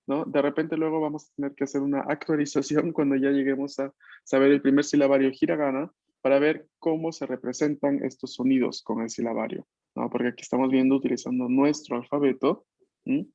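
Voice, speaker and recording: A man teaches an online language class over a video call, explaining step by step and often checking in with the students. His voice is gravelly and mellow, and it sounds dry and slightly muffled. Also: mid-range voice, little pitch movement, fairly quick, dry recording. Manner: patient, explanatory, many tag questions. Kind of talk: online Japanese class taught in Spanish.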